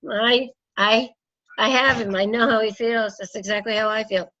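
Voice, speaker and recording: A woman's voice: a little high, fairly even intonation, moderate pace, a loud crowd. A middle-aged woman leading a team meeting over a video call, congested from a cold and rambling with many fillers. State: congested, sick. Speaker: team leader. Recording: dull lo-fi call audio with faint noise.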